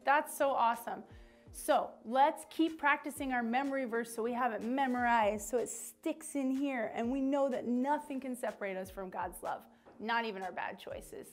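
A woman with a fairly high voice speaks at normal speed as she teaches a children's church lesson. She's chatty and encouraging, leading a drawing activity with playful asides in an upbeat lesson for young children, and faint music plays behind her.

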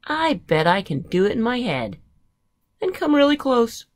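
A woman's voice: a little high, very animated, a little slow, pitched above the performer's own voice. A woman voicing a sly, hungry female coyote in a read-aloud picture book, with a scoffing, boastful manner. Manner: teasing, boastful.

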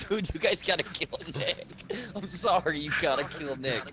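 A man's voice: fairly high pitch, moderate pace, a crowd in the background. A man in casual gaming banter with friends on a stream, teasing and laughing a lot. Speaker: gamer on a group stream. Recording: noisy game voice chat.

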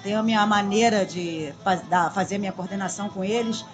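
A woman, talking in a lively, chatty way as a guest in a small radio studio. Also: mid-range voice, fast talker. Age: 40s. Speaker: samba school drum queen guest. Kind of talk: casual radio interview. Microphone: studio boom mic.

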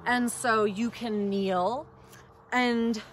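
A woman's voice: on the high side, fairly even intonation, drawn-out words, a little hiss or hum. A woman with a Minnesota accent, chatting to camera in an enthusiastic gear review with plenty of ums, indoors at a table. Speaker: outdoor gear vlogger.

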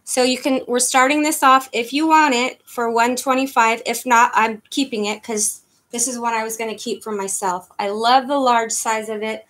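With a slightly high, slightly bright, steady voice, a woman in her fifties talks at normal speed with hardly any pauses. She's hosting a live handbag auction online from her living room, facing a webcam, chattily announcing bids and thanking viewers by name.

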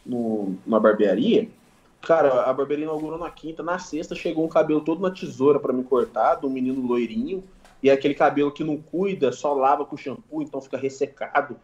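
A guest barber on a podcast tells stories in a relaxed, slangy way, tossing in sound-effect words. His voice is medium-pitched and fairly quick, and the audio is dull and reverberant.

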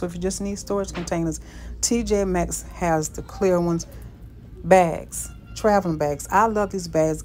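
A woman's voice: lowish voice, darkish tone. A woman vlogging as she walks through a large store, chatting upbeat to her viewers about the items she finds. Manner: upbeat, chatty, keeps addressing viewers as guys. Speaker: shopping vlogger. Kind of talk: casual shopping walkthrough. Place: inside a large retail store.

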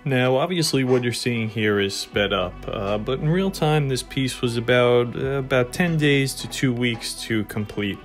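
A man's voice: mid-range voice, unhurried, hardly any pauses, faint music behind. Long Island man narrating his painting. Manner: relaxed, self-deprecating, frequent "uh" fillers. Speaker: freelance painter narrating a time-lapse. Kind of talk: casual voice-over narration.

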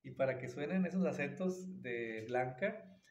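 A man's voice: medium pitch, lively intonation, measured pace, dull audio, over music. A man teaching violin in a casual tutorial, explaining patiently between played passages. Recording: roomy, mic at a distance, violin behind. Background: violin playing.

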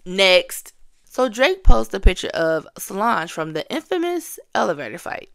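Sassy bright-voiced woman gossip vlogger. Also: very animated, measured pace, gravelly, no room sound, clean studio sound. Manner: sassy, blunt, scolding, talks straight to viewers; swings from low drawl to loud exclamations. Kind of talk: casual gossip commentary.

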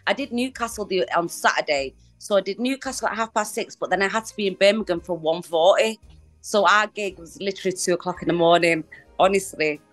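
A woman's voice: mid-range voice, a little fast, faint music behind. A woman musician from England, a guest on a video-call interview, talking in a chatty way with frequent laughs and repeated phrases, calling in on a phone from her living room. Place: living room with a Christmas tree.

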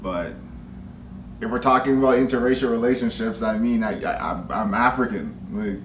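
A young man from Canada co-hosting a couple's video, joking in an animated, slangy way. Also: mid-range voice, normal speed, highs cut off. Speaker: co-host of a couple's channel. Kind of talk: casual chat. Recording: echoey room with faint noise.

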